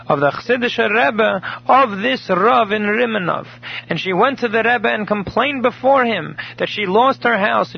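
Gravelly husky male Torah teacher. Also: high-pitched. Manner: measured storytelling, with Hebrew terms glossed in English. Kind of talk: recorded daily study class. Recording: dull lo-fi recording.

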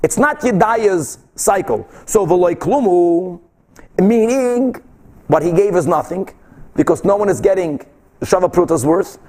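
A man's voice: high voice, lively intonation, a little slow, dark tone. A man gives a Talmud lesson. He reads from the text and explains it as he goes, posing questions, answering them himself and repeating key phrases for emphasis. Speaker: Talmud teacher. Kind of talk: religious text lesson, reading and explaining aloud.

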